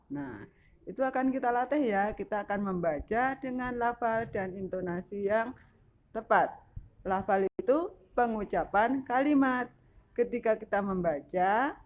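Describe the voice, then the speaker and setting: A woman teacher explaining a lesson to young children, patient and step by step, with frequent fillers. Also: on the high side. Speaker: primary school teacher.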